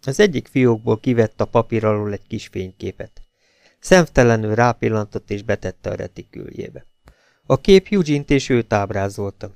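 A man reads a novel aloud in a steady, even narration. His voice has a gravelly edge, and the recording is close and dry with no room sound. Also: lowish voice, no echo. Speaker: audiobook reader. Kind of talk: audiobook narration.

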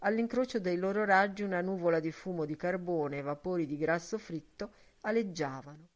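A woman narrating a literary novel in a measured, steady reading. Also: fairly low pitch. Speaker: audiobook narrator.

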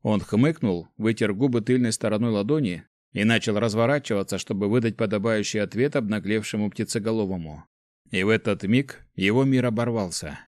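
Low-voiced male storyteller. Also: darkish tone, dry recording, studio quality. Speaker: audiobook narrator. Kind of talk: scripted narration.

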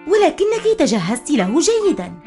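A woman doing a calm, gentle mother. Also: sits high, normal speed, faint music behind, voice pushed up. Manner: soft and soothing. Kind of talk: storybook reading.

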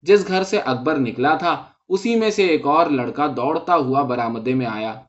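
A man calmly reading a short story aloud as narrator, in a dull lo-fi recording. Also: fairly high pitch.

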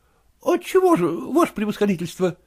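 A man's voice: high voice, big pitch swings, fairly quick, darkish tone, slightly rough, voice pushed up, exaggerated voice. A man voicing a young male suitor who sounds fawning and whiny. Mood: pleading. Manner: pleading, deferential, whiny.

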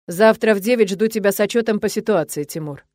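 A woman reading the lines of a domineering, jealous male boss in a curt, commanding tone, low and measured. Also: animated, darkish tone, no room sound, studio quality, close to an everyday voice.

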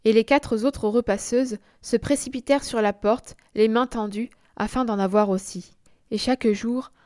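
A woman reading a classic short story aloud in measured, expressive audiobook narration. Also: a little high. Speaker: audiobook reader.

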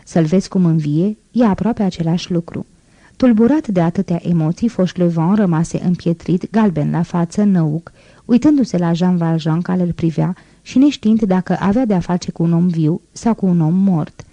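A woman narrating a classic novel in a measured, expressive audiobook reading. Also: lowish voice, no echo. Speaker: audiobook reader. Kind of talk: scripted literary narration.

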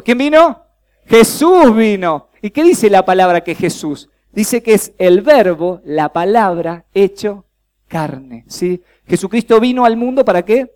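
At a church youth congress, a high-pitched preacher with a Rioplatense Spanish accent runs an energetic workshop. He throws questions at the crowd and performs small dialogues.

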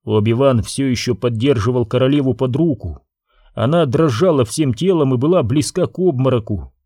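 A man reads a novel aloud as an audiobook narrator, giving the scripted text an expressive, dramatic delivery. His voice is mid-range at a normal speed, recorded in clean studio sound with no room sound.

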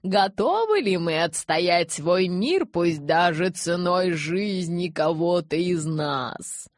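A woman reading the lines of a calm, courtly male vampire elder in an audiobook, speaking slowly and smoothly. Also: lowish voice, no room sound, studio quality. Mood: measured. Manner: slow, smooth, measured speech.

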